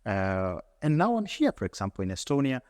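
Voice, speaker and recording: A man's voice: mid-range voice, huge pitch swings, brisk, darkish tone, long reverb tail. A man from Tanzania, answering as an interview guest in an earnest, reflective way, often repeating words and restarting.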